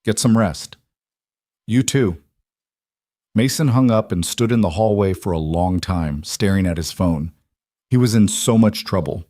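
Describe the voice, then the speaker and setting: A man narrating a scripted story in a calm, even manner. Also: low-pitched, normal speed, no room sound, studio quality.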